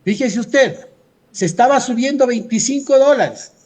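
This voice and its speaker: High-pitched, insistent Ecuadorian man. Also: animated, unhurried, a little mellow. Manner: emphatic, insistent, rhetorical questions answered himself. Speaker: trade union leader being interviewed. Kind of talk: radio interview, argumentative commentary.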